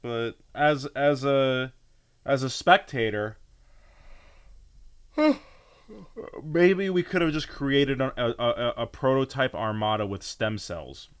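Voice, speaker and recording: Male streamer, unhurried delivery, crude rambling jokes. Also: mid-range voice, animated, clean tone. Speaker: streamer watching a replay. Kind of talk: casual profane co-stream commentary.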